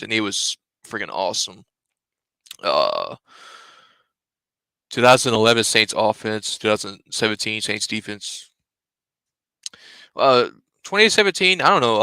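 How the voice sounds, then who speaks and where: A man's voice: lowish voice, pushed and bright, no room sound. Blunt, profane young man on a live stream. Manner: blunt, swears freely, rambling. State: sneezing, stuffy. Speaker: fan channel host. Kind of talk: casual live-stream chat.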